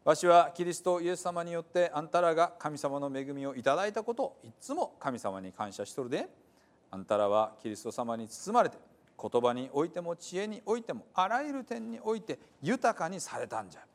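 A man's voice: on the high side, very animated, brisk. Man reading scripture in Hiroshima dialect.

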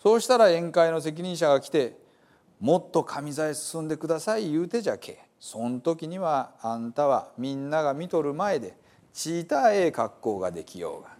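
A man with a Hiroshima dialect voicing Jesus as a calm male teacher telling parables. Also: on the high side, moderate pace, pitched above the performer's own voice. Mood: teaching.

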